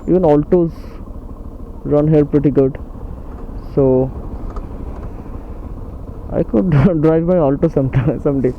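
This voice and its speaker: A man's voice: fairly high pitch, measured pace, pauses often. A man with an Indian accent casually narrating his motorcycle trip aloud as a travel vlogger, outdoors on the road. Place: outdoors on a motorcycle on mountain roads. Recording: narrow phone-like sound, faint vehicle noise.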